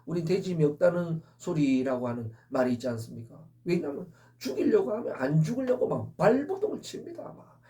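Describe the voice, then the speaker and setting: A man preaching an earnest sermon, his high voice mellow and soft-edged. He keeps asking rhetorical questions of the congregation. His voice sits a little away from the mic. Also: sing-song, fairly quick, recorded from a distance. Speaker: pastor. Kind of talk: Easter sermon.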